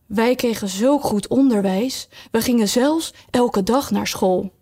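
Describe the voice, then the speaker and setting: A woman voicing a sad, sighing old male mock turtle who tells his tale slowly and mournfully. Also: on the high side, mellow. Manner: slow, sighing, mournful telling.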